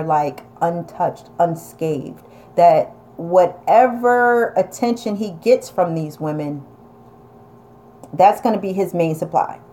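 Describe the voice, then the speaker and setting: A woman's voice: lowish voice, warm tone. Blunt woman with an upstate New York accent. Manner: emphatic, chatty, blunt. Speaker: vlogger reading viewer comments. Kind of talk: casual advice chat.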